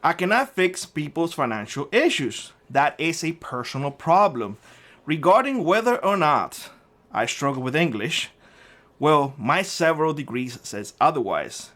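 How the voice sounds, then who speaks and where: Fairly high-pitched and somewhat bright, this voice belongs to a prepper channel host from Cuba, middle-aged and speaking with a Cuban Spanish accent. He goes after a commenter in a combative rant full of swearing.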